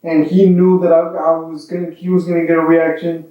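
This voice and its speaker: On a laid-back podcast, this comic swears freely and tells his stories with lively energy. He talks fairly quickly in a voice on the high side. The sound is lo-fi and bounces around a very echoey room.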